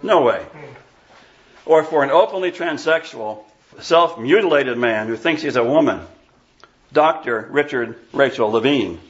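A man's voice: medium pitch, dull audio. A pastor in his sixties from Iowa, preaching an emphatic, scornful sermon and bantering with the congregation. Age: 60s. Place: church sanctuary.

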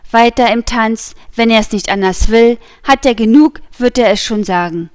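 A woman's voice: fairly high pitch, darkish tone, no room sound, lightly acted. A woman reading the part of a haughty, mocking nobleman who speaks with cool contempt, in a dry audiobook recording. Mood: scornful. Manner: scornful, unhurried, mocking.

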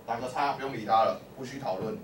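This medium-pitched male voice moves at a quick pace through a math lesson. The teacher constantly quizzes his class, prompting them with short "lai" and "o" calls. The classroom lecture sounds far off and echoey, with a faint hum.

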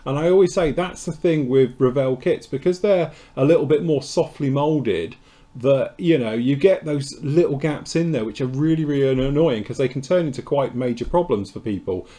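A man's voice: mid-range voice, moderate pace, warm tone. A man hosting a casual live show about model kits, talking in a loose, rambling, chatty way as he explains things. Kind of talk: casual live-stream chat.

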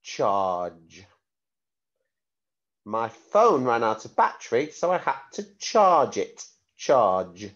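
A man speaking as a primary school teacher, giving slow, deliberate spelling dictation, repeating words and spelling them out letter by letter. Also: medium pitch, big pitch swings, a bit bright, muffled recording.

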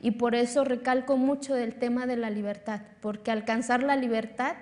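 A woman speaks at a public talk on a lit stage in a large, reverberant hall, addressing an audience earnestly and emphatically and repeating phrases for force. She is in her thirties, from Oaxaca, Mexico, with Zapotec as her first language and a Mexican Spanish accent. Her slightly high, somewhat mellow voice is fairly even at normal speed.

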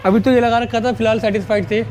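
A motorcycle vlogger in his twenties chats informally to his viewers on a narrow residential street, calling them buddies and mixing English words into his talk. Recorded on a wired lavalier mic with a little hiss or hum, his high-sitting, slightly mellow voice keeps a steady tone at a fast pace.

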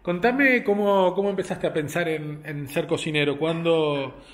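A man with a Rioplatense Spanish accent and a fairly high voice, interviewing in an easygoing, chatty way. He jokes along with his guest and laughs readily as he asks questions. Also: normal speed. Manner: playful, chatty, laughs easily. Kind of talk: conversational interview.

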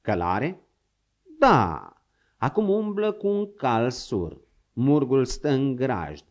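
A man's voice: medium pitch, very animated. A man voicing an eager, obliging young male servant, in a dull lo-fi audiobook recording.

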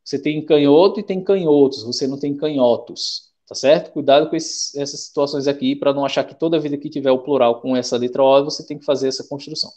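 A young man with a Brazilian Portuguese accent, teaching an online class in a relaxed, chatty way that keeps checking in with the students. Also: medium pitch, quick pace, few pauses. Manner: relaxed, chatty, checks in often with slangy rhymes.

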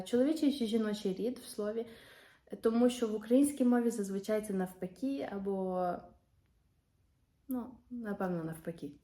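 A woman's voice: medium pitch, mellow. A young woman teaching beginners French in a patient, careful way, saying each word twice. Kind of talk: patient classroom explanation. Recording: roomy echo.

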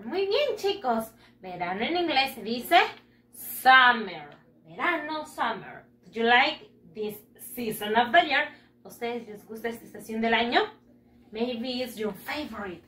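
Woman, schoolteacher, high voice, slow deliberate pace for repetition drills. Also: a bit bright, echoey room, far from the mic. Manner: slow, drawn-out words for children to repeat; switches between English and Spanish. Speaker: primary school English teacher. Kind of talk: bilingual classroom lesson.

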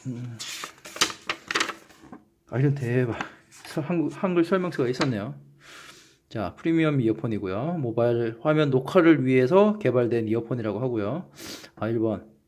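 Hosting his laid-back unboxing vlog, a man with a Gyeongsang Korean accent speaks at normal speed in an animated, darkish mid-range voice, leaving long pauses. Slight background noise is audible as he cracks self-mocking jokes and trips over his words.

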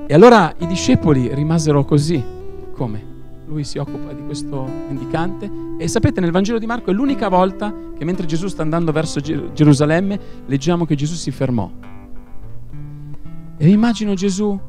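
A man preaching an evangelistic sermon, impassioned, swinging from loud shouts to hushed tones. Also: a little high. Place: church hall.

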